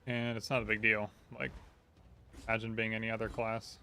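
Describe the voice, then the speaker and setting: A man's voice: on the low side, monotone, fairly quick, pushed and bright, soft background music. A man giving casual, off-the-cuff livestream commentary while playing a video game. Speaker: game streamer. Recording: clearly noisy game ambience behind.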